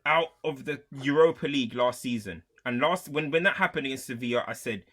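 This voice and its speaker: A man's voice: medium pitch, fairly quick, fairly bright tone. A man with a London roadman accent and slang, speaking emphatically in a heated football fan debate. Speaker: football show panelist.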